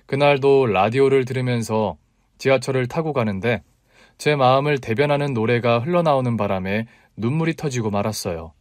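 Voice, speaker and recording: Brief: male narrator, mid pitch, soft storytelling, dry close mic. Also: fairly quick, no echo. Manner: gentle, even storytelling. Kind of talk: first-person story reading.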